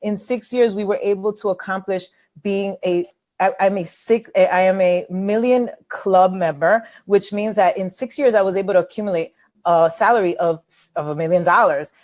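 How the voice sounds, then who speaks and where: Hosting a casual webinar as a coach, a woman from New York City talks candidly and chattily, dropping in lots of fillers. She speaks at normal speed in a darkish, mid-range voice.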